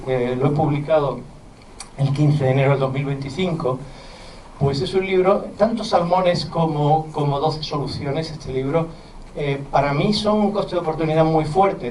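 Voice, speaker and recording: Middle-aged lecturer, mild Andalusian accent, earnest and chatty, distant mic in an echoey hall. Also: male voice, a little high, a little mellow. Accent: mild Andalusian Spanish. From southern Spain. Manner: earnest, conversational lecturing with asides to the audience. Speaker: physician and university lecturer. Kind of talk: public lecture to parents. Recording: roomy hall, distant mic, faint background noise.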